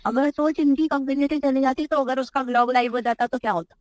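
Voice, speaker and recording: A woman's voice: high-pitched, fairly even intonation, quick pace, darkish tone. A woman speaking bluntly and tersely on a recorded phone call, heard through muffled phone audio. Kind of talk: phone conversation.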